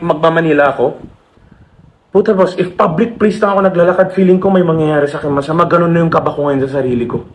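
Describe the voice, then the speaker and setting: A man's voice: high voice, a little hiss or hum. A man in his thirties from the Philippines, ranting emphatically in a vlog, calling his viewers boss and slipping into English. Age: 30s. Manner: emphatic, keeps addressing listeners as boss, mixes in English. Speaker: blogger. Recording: roomy echo.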